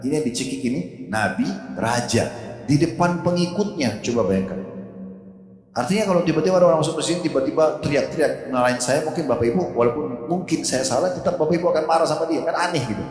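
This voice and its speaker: Fast-talking preacher in an echoey hall. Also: male voice, fairly high pitch. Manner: lively storytelling, acting out quoted voices. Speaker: Islamic preacher. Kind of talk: sermon. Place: mosque study hall.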